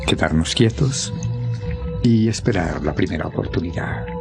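Deep-voiced gallant hero. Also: male voice, lively intonation, normal speed, vocal fry, over music. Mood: composed defiance. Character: calm, gallant male adventure hero. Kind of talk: radio serial acting.

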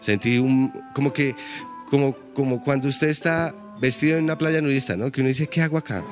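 A man's voice: mid-range voice, a little fast, faint music behind. A man telling a comic story on stage, chatty and talking straight to the audience. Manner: lively, chatty, addressing the audience.

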